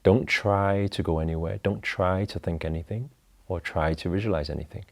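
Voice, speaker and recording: A man leading a guided breathing meditation, talking slowly and calmly through each step. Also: low voice, vocal fry. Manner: slow, calm, instructive.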